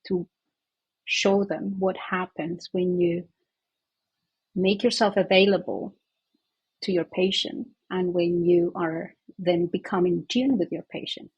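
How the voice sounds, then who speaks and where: A woman therapist, a guest in an interview, telling an earnest, animated anecdote in conversation. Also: on the low side, takes it slowly, breathy edge, no echo, highs cut off.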